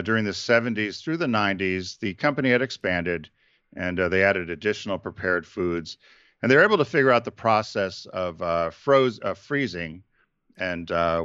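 A man's voice: sits low, fairly bright tone, no echo, dull audio. A man co-hosting a casual business talk show, rambling with many fillers and restarts. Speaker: podcast co-host.

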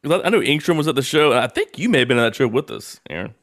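A man's voice: mid-range voice, lively intonation, rapid-fire, a bit bright. A man hosting a casual podcast chat, laid-back and rambling, and he swears freely. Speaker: podcast host.

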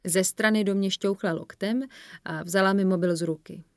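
A woman reading a first-person audiobook in a measured storytelling manner, voicing the characters as she goes. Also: mid-range voice, steady tone, dry recording, studio quality. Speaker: audiobook narrator.

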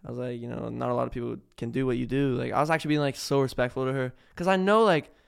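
A man's voice: medium pitch, fairly even intonation, racing, vocal fry, clean tone. A man talking as a podcast guest, telling a story in a rambling way, full of "like" and restarts. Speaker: podcast guest, prank video maker. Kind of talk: casual podcast chat.

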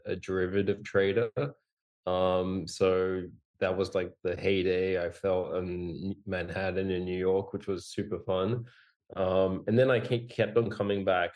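A low, somewhat mellow-voiced man in his forties, an Australian-born company founder raised in Singapore and Hong Kong, is a podcast guest. In this casual conversational interview he rambles easily and pokes fun at himself.

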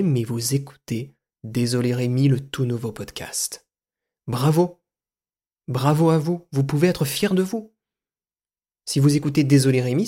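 A man hosting a comedy podcast alone, delivering an absurd monologue in a deadpan, mock-grandiose manner. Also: medium pitch, breathy edge. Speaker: podcast host.

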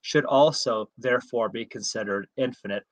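A man's voice: mid-range voice, normal speed, dry recording, poor audio. A man co-hosting a casual podcast, talking in a thoughtful, reflective way.

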